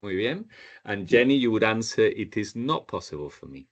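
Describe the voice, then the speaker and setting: A man's voice: on the low side, very animated, normal speed, highs cut off. A man teaching a Spanish class over a video call, patiently repeating each learner's answer. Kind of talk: online group language lesson.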